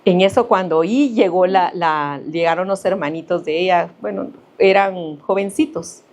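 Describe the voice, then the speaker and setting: Middle-aged woman preaching, animated testimony. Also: moderate pace, dull audio. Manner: animated storytelling, rises in pitch for emphasis. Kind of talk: sermon with personal testimony.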